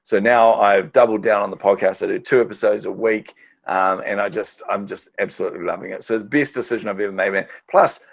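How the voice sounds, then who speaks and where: A man's voice: fairly low pitch, fairly even intonation, fast talker, vocal fry. A middle-aged man, a podcast host and marketing strategist, telling stories as a guest in a casual interview, enthusiastic and chatty with frequent fillers. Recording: dull lo-fi audio.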